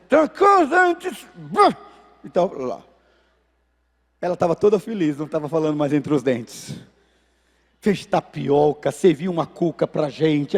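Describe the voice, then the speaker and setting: The long reverb of a sanctuary surrounds this pastor, who speaks with a Brazilian Portuguese accent and a voice that sits high for a man. His sermon is built on stories, and he animatedly acts out the voices of the people in them with lively shifts.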